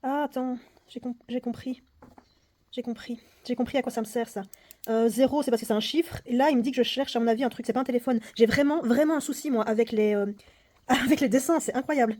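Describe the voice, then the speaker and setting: A woman's voice: a little high, a little fast, a little mellow. A woman solving a puzzle game on camera, thinking aloud, counting under her breath and mocking herself. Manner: mutters numbers to herself, often dropping to a whisper. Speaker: board game vlogger. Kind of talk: casual puzzle-solving vlog.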